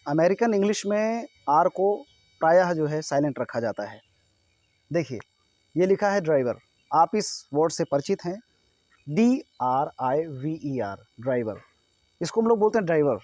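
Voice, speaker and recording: A man with an Indian accent teaches pronunciation in a video lesson, his voice sitting fairly high for a man. He repeats each word slowly and deliberately and keeps checking in with his students. The sound is dry and close, with almost no room in it. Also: a little mellow, no room sound. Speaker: English teacher.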